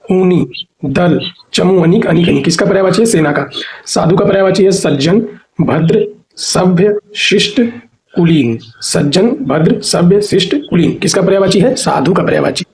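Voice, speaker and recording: A high-pitched man runs an exam preparation lesson, reading out lists of words and definitions. He repeats each answer and walks through the spelling of tricky words. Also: normal speed, darkish tone. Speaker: Hindi teacher.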